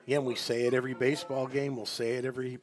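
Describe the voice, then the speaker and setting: A man adds color commentary during a softball game in a mid-pitched, everyday voice. He explains stats and news in a chatty, easygoing way. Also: flat delivery, very fast.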